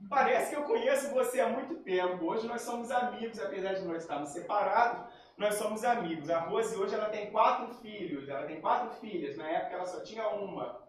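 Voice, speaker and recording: A man's voice: high-pitched, fairly quick, slight background noise. Man preaching in an echoey hall. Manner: personal storytelling, acts out quoted dialogue. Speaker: spiritist lecturer. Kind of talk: spiritist talk. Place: lecture hall. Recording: very echoey hall, far from mic.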